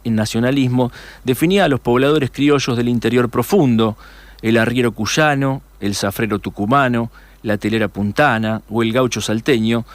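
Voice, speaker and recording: A man with an Argentine accent narrates a radio documentary in a steady, measured read and trips over a word now and then. His voice sits at an ordinary middle pitch. The studio sound is dry and close, with almost no room echo. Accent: Argentine Spanish. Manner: measured, reads with small restarts.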